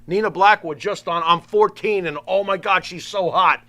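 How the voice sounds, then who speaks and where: A man's voice: high voice, normal speed, pushed and bright. A man chatting casually as a talk show co-host, emphatic and repeating words for effect.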